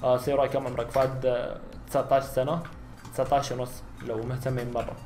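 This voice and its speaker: Young Saudi streamer, 19, Saudi accent, rapid chatty delivery, roomy home setup. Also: male voice, mid-range voice, flat delivery. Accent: Saudi Arabic. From Saudi Arabia. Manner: chatty, bursts into loud exclamations during fights. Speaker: gaming YouTuber. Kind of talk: casual gameplay commentary with Q&A. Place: small room at home, seen on facecam.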